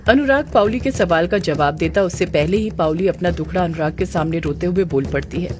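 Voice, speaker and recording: A woman storyteller giving steady, descriptive scripted narration of an audio drama. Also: on the low side, a little fast. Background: background music.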